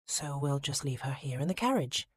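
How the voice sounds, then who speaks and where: A woman's voice: rumbling low, lively intonation, normal speed, slightly rough, no echo, heavily acted. Woman voicing an eager bookish young lady. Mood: coaxing.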